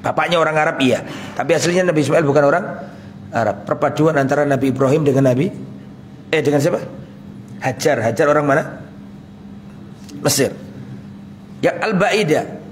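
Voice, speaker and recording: A man's voice: fairly high pitch, moderate pace, pauses often, slight background noise. Tinged man preaching conversationally. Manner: conversational, asks the audience questions and answers them himself. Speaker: ustadz giving a religious study talk. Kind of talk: casual sermon with questions to the audience.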